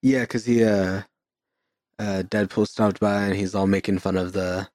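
A man co-hosting a podcast while a little high, talking in a laid-back, drifting way and swearing casually, recorded inside a small closet. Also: flat delivery, measured pace, a little mellow, dry recording, studio quality. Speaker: podcast co-host. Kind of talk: casual chat.

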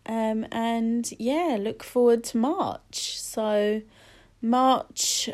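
A woman's voice: fairly high pitch, drawn-out words, darkish tone. A woman, chatting casually and rambling with many fillers while sniffly from a cold. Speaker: podcast host. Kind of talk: casual solo chat.

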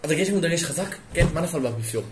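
A man's voice: on the high side, animated. Young man thinking aloud, hesitant. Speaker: podcast co-host. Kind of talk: casual chat. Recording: faint background noise.

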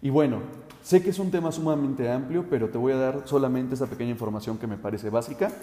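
A man teaches safety procedures in a direct, instructive way, speaking straight to the listener and filling pauses with 'eh'. His voice is warm and mellow. The room is roomy with a long, ringing reverb. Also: medium pitch. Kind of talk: instructional talk addressed to the listener.

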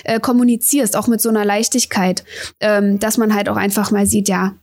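A woman's voice: medium pitch, flat delivery, fairly quick, a little mellow, dry recording. A woman with a German accent co-hosting a podcast, asking encouraging questions in a casual way with many fillers. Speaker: podcast co-host. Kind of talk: casual interview chat.

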